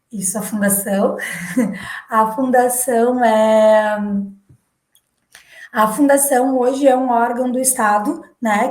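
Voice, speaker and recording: Brazilian woman giving a slow training talk. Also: a little high, darkish tone. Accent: Brazilian Portuguese. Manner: speaks slowly on purpose, with fillers and restarts. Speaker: teacher trainer. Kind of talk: educational talk. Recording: echoey room.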